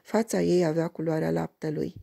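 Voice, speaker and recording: A woman reading a crime story aloud in an even, measured way. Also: low-pitched, gravelly. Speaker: audiobook reader.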